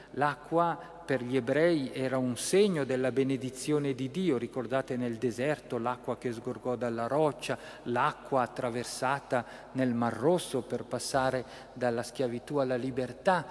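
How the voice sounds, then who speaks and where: A man preaching a sermon on a Gospel passage, slow and emphatic, asking his listeners "no?" as he goes. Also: mid-range voice, long reverb tail. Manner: slow, emphatic, with rhetorical "no?" tags.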